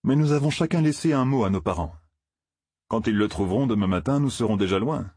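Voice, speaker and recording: A man's voice: fairly low pitch, animated, brisk, a little mellow, breathy edge, dry recording, clean studio sound, voice pushed up. A man voicing a blunt, somewhat bitter young village man in a storybook reading.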